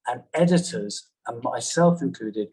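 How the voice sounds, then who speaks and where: A man teaching a journalism class in a classroom, talking in a halting way and often checking in with "okay?". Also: mid-range voice, lively intonation, darkish tone, husky, low-quality recording. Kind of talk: classroom lecture.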